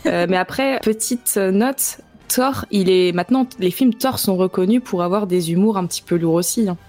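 A woman's voice: medium pitch, normal speed, darkish tone, faint music behind. A woman columnist on a podcast, playful and laughing often, reading her review with expression. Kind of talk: podcast chat and scripted review.

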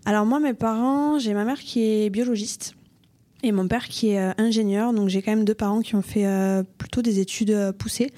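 A woman's voice: mid-range voice, fairly even intonation, normal speed, mellow, no room sound. A young woman from Toulouse with a Toulouse accent, a guest in an interview, talking frankly with many fillers in a coworking space. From Toulouse, France. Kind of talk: conversational interview.

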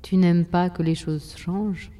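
A woman voicing Time, an old being living inside a stone, speaking softly, deeply and slowly. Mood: calm, slow. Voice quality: soft and deep. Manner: slow, calm, unhurried.

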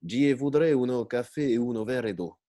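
A man's voice: medium pitch, animated, warm tone, close to an everyday voice. A man voicing an old Italian inspector. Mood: slow broken French. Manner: slow, syllable by syllable, theatrical exclamations. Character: old Italian police inspector, polite and calm.

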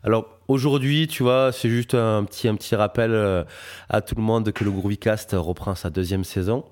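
A man's voice: lowish voice, steady tone, moderate pace, a little mellow. A young man hosting a podcast in casual chat, hesitant and full of fillers. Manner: hesitant, many fillers, friendly. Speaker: podcast host, guitarist.

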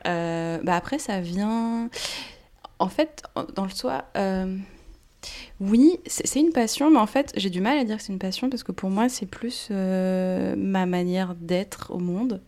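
A young French woman from France, whose first languages are Portuguese and French, speaks thoughtfully as a guest in a casual interview. Her medium-pitched, warm voice is a little slow, and she often hesitates with fillers and restarts.

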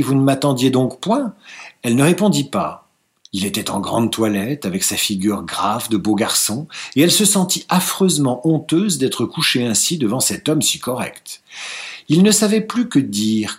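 A man reading a classic novel aloud, measured and unhurried. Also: medium pitch. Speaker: reader.

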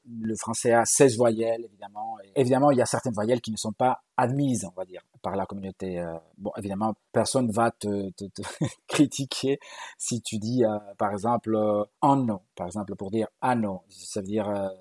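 A middle-aged man with a Spanish accent talks through his ideas slowly, often pausing on fillers and restarting his phrases. His voice sits low and a little husky, and the sound is dry and close, with almost no room around it. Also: darkish tone, no echo. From Galicia, Spain. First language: Galician. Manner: thoughtful, hesitant with frequent fillers and restarts. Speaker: guest linguist. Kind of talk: conversational interview.

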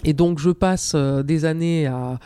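A woman's voice: deep voice, measured pace, mellow, clean tone, no room sound, studio quality. A woman speaking as a podcast guest, thoughtful and hesitant, often restarting her sentences. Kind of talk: podcast interview.

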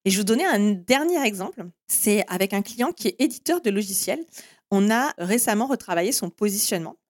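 A woman hosting a solo marketing podcast, explaining step by step in a direct way and giving listeners firm instructions. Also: medium pitch. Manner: direct, explanatory, with frequent "en fait" and "eh bien".

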